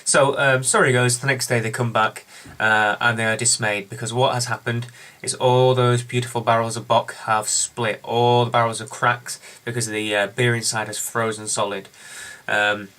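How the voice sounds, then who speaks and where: A man's voice: medium pitch, level tone, normal speed, pushed and bright. Chatty man reviewing beer. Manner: chatty storyteller with many ums and uhs. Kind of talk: casual beer review to camera.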